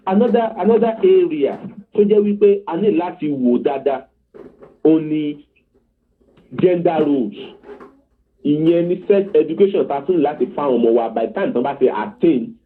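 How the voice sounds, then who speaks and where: A man's voice: on the high side, moderate pace. A man with a Yoruba accent gives an earnest teaching talk as a guest on parenting. He tells anecdotes and often checks that his listener is following. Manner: earnest, instructive, often asks the listener to confirm. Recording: phone-like narrow line.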